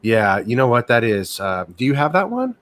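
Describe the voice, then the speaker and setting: A man's voice: medium pitch, huge pitch swings, normal speed, fairly bright tone, no echo. A man hosting a casual live chat over a video call, chatty and musing. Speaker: host.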